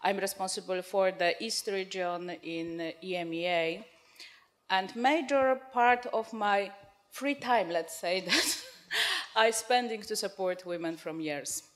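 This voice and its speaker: A woman's voice: medium pitch, slow. A woman in her forties introducing herself on a conference panel into a handheld mic, earnest and sometimes repeating words. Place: conference hall with audience. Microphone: handheld microphone.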